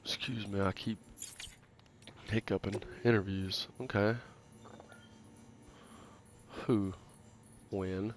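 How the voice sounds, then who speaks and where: A man with a fairly low voice, casually reading video game text aloud for his viewers. He stumbles and restarts now and then and drops the odd curse between passages. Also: steady tone, a little hiss or hum. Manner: casual, swears freely, reads in a halting way with restarts. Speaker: gaming channel host.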